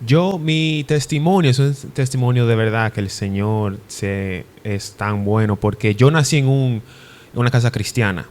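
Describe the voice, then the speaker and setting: A young man from the Dominican Republic, a guest preacher, gives his testimony in an interview. His mid-range voice has a darkish tone and moves at normal speed, earnest but hesitant, with restarts.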